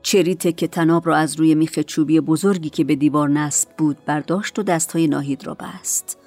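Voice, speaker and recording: Low-voiced woman narrating a drama. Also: steady tone, darkish tone, faint music behind. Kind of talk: scripted story narration.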